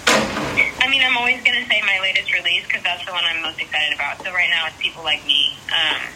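A woman's voice: on the low side, steady tone, a little fast, sharp tone, slight background noise, rough recording. A young woman who is a singer, chatting casually as a guest in an interview and laughing often. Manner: bubbly, laughs often, says like a lot.

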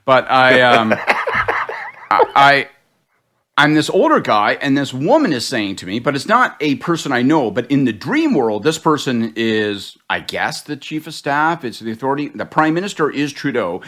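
Man, middle-aged, political panelist, animated self-deprecating storytelling, salty language. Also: mid-range voice, normal speed. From Canada (Prince Edward County, Ontario). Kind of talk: casual storytelling chat.

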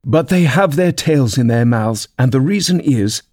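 A man's voice: mid-range voice, lively intonation, normal speed, a little mellow, voice pushed up, lightly acted. A man voicing a mournful, touchy turtle creature in a storybook, with a plaintive, ponderous manner.

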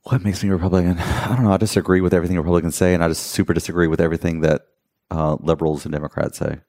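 A man's voice: low-pitched, rapid-fire. A man from North Carolina, a guest in a casual interview, telling profane stories and acting out what people said. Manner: profane, animated storyteller acting out quotes.

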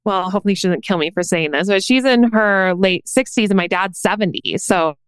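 A woman in her thirties hosting a podcast interview, conversational and quick to agree. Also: medium pitch, clear, resonant tone, dry recording. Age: 30s. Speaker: podcast host.

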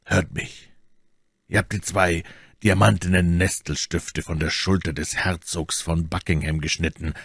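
A man's voice: low-pitched, steady tone, a bit bright, no echo, clean studio sound, heavily acted. A man reading a coldly menacing nobleman. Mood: accusing. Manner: slow, measured, threatening. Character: stern cold nobleman, adult, menacing calm. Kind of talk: audiobook character voice.

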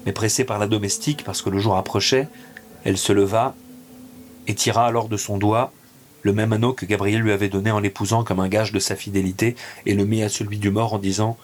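A man narrating a classic tale in a measured, theatrical reading over music. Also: lowish voice, flat delivery.

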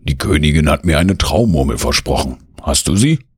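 A man's voice: rumbling low, animated, normal speed, breathy edge, dry recording, clean studio sound, exaggerated voice. A man voicing a sleepless, grumbling old forest sprite who talks wearily in a bedtime story. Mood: weary. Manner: grumbling, weary, sighing.

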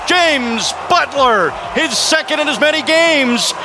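Man, football radio play-by-play, high pitch, excited touchdown call rising to a shout, noisy live stadium broadcast. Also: slow, a crowd in the background. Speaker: play-by-play announcer.

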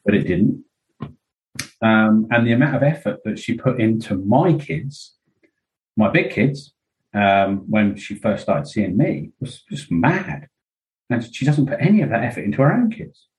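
A middle-aged man speaks in a lowish register. He talks candidly as a podcast guest. His talk rambles, full of fillers and quoted asides. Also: sing-song, a little slow, a little mellow, low-quality recording. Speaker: interview guest.

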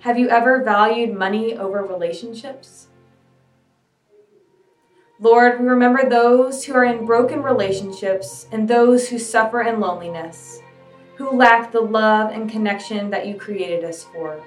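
A woman's voice: on the high side, steady tone, unhurried. Woman praying in an echoey room. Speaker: scripture reader leading prayers. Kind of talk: Good Friday scripture reading and prayer. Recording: echoey room, voice from a distance, soft music behind.

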